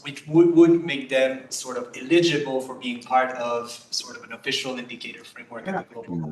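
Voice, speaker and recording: A man moderating a question session, speaking in a halting way and passing questions on to panelists. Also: mid-range voice. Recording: echoey room with clear background noise.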